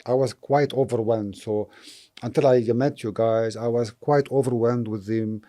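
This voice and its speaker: A middle-aged Lebanese property investor answers interview questions thoughtfully, hesitating with many pauses and fillers. His mid-range voice is warm, with fairly even intonation.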